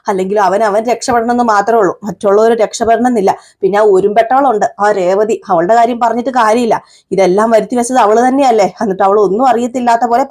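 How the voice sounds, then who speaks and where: A woman's voice: on the high side, darkish tone, close to an everyday voice. A woman doing a scheming mother-in-law. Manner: coaxing, plays the wronged mother. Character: scheming middle-aged mother-in-law, manipulative.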